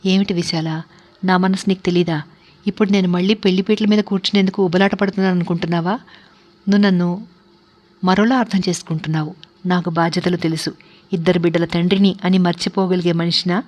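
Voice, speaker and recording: A woman's voice: lowish voice, steady tone, fairly quick, darkish tone, dull audio, lightly acted. A woman voicing an earnest young husband and father, pleading and reassuring in a read-aloud story. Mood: hurt. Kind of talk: audiobook character reading.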